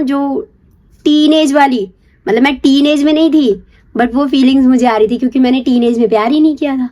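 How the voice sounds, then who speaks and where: A young woman casually telling a personal story in a chatty, confiding way, checking in with the listener and slipping into a hushed whisper for the secret parts. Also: fairly high pitch. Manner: chatty, confiding, keeps asking "you get it?"; drops to a hushed whisper when acting out secrecy. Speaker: storyteller recalling her first love.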